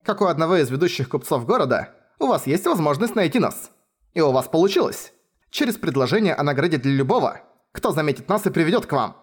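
Man playing cocky young sorceress, raised pitch, curt, sarcastic, lively, storybook. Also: quick pace, husky. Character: cocky sharp-tongued young sorceress, female.

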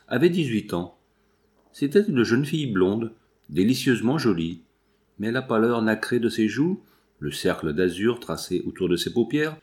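Man narrating a novel expressively. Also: medium pitch. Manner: expressive storytelling. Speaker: audiobook reader.

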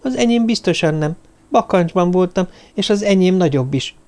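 A man's voice: high voice, expressive, a little mellow, pitched above the performer's own voice. A man reading aloud and voicing a frightened, tearful young woman who stammers timidly.

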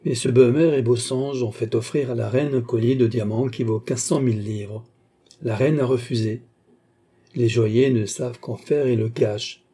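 A man voicing a cold, haughty Portuguese male schemer in an audiobook, raised in pitch and delivered with icy self-importance. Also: fairly even intonation, normal speed, dark tone, breathy edge, lightly acted.

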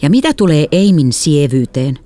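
A woman voicing a tired, gentle middle-aged father who speaks quietly and earnestly. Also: low voice, sing-song, dry recording. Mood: tender.

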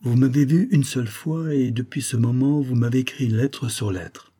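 A man voicing a calm, mysterious young woman bent on vengeance, speaking gravely and gently in an audiobook reading. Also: mid-range voice, normal speed, voice pushed up, natural voice. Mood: gentle.

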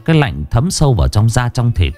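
A man's voice: medium pitch, very animated, brisk, a little mellow, faint music behind. A man narrating a horror story in a dramatic, vivid storytelling manner.

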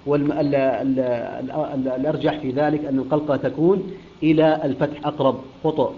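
A man teaching Quran recitation, speaking deliberately with many hesitant restarts and filler sounds, repeating words slowly to show how they are pronounced. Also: mid-range voice, fairly even intonation. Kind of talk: recitation lesson. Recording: dull lo-fi recording.

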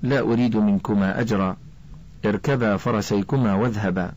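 A man voicing a devout blacksmith father in a storybook, speaking firmly and gravely. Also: on the low side, fairly even intonation, fairly quick, a little mellow, close to an everyday voice, rough recording. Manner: firm and grave.

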